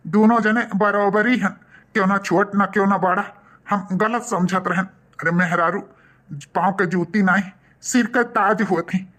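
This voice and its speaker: In a cartoon, a voice actor with an Awadhi accent plays a village husband and son full of remorse. His mid-range voice has a sharp tone, and he pleads earnestly and humbly.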